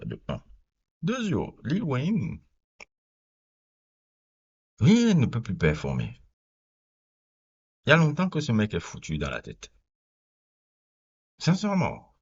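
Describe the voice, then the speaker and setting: A man with an extremely deep, husky voice rambles through his opinions as a reaction video host. He talks straight to his viewers in a loose, casual way, and the recording sounds dull and lo-fi.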